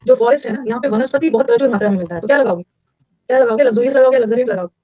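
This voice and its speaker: A middle-aged woman, teaching vocabulary in a lecture and drilling words with quick repetition and questions to her students. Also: fairly high pitch, a little mellow, highs cut off.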